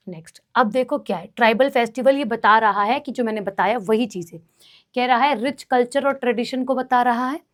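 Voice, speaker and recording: Higher-pitched woman teaching an online class. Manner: explains step by step, checking in with "ठीक है?"; chatty, addresses students as "मेरे भाई".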